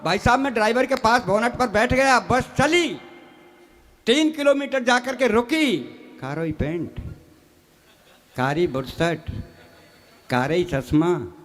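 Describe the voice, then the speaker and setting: High-voiced older man telling comic tales. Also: slow pace, long pauses, fairly bright tone. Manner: folksy storytelling with rustic dialect. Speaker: comic poet. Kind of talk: stage comedy poetry recital. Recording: echoey hall reverb.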